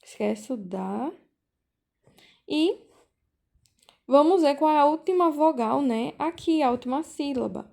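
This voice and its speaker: A high-voiced woman teaches an online class. She speaks slowly and patiently, and she often repeats herself and checks in with the students. Her voice comes through a video call. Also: lively intonation, vocal fry, darkish tone. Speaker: volunteer teacher.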